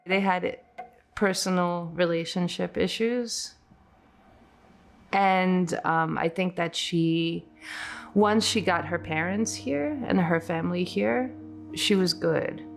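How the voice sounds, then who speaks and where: A low-pitched woman in her forties, from Poland, speaks slowly and reflectively. Her voice has a gravelly edge. Soft music plays faintly underneath. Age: 40s. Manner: casual, reflective, many fillers like "like". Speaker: interviewee. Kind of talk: documentary interview, personal recollection.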